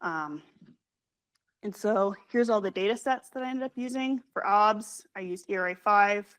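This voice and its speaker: A young woman, a graduate student, presenting her research at a scientific conference, talking quickly with many fillers and self-corrections. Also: medium pitch, fairly bright tone, smooth. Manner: fast, hurried delivery with frequent fillers and self-corrections.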